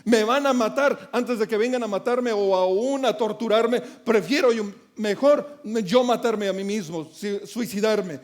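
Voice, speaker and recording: A man's voice: sits high, measured pace, hardly any pauses. A man playing a panicked jailer. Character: frightened male prison jailer.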